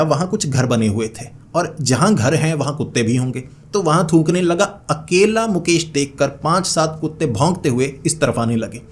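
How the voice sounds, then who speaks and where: A man narrating a horror story in a conversational way, repeating phrases to build suspense. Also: medium pitch. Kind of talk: casual spoken horror narration.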